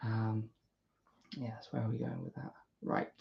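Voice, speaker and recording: A woman's voice: a bass voice, wildly swooping pitch, a little slow, gravelly, slight background noise. A British woman chatting casually to herself in a self-deprecating ramble as she builds a model kit. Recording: dull lo-fi recording.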